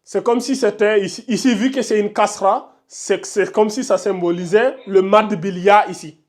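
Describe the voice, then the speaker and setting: High-voiced man teaching a live class. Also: steady tone. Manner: repeats words often, points at symbols on the board; slows right down to chant Quranic examples. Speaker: tajwid teacher.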